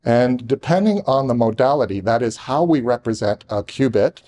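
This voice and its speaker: Male presenter, mid-pitched and mellow, live tech talk in a conference room, hurried with repeated restarts, jokes with the room. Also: lively intonation. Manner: rushed, talking fast with restarts; jokey asides to the room. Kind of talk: technical presentation to a live audience.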